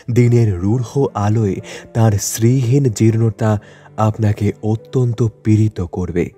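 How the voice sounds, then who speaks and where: Husky, dark-voiced male storyteller. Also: mid-range voice. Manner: measured, literary second-person narration. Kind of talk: scripted story narration.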